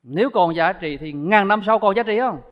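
A man giving a Buddhist sermon to an audience, with lively, emphatic rises and falls in his voice. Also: high-pitched, moderate pace. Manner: lively, rising and falling emphatic delivery. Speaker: Buddhist teacher. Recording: dull lo-fi recording in a reverberant hall.

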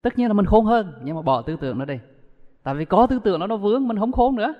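A man's voice: high-pitched, lively intonation, fast talker. A man giving a Buddhist dharma talk, telling stories and asking the audience rhetorical questions. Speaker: Buddhist monk teacher. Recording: muffled audio with long hall reverb.

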